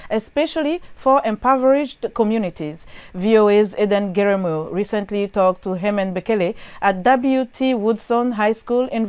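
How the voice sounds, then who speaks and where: A woman presenting a news health program, clear and steady. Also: mid-range voice. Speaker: news host.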